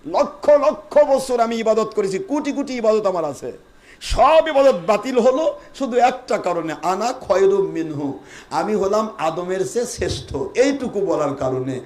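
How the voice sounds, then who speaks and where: A man's voice: high voice, big pitch swings, normal speed, a little mellow. A man preaching a Bengali religious sermon at a gathering, scolding and firing rhetorical questions at the crowd to draw call-and-response.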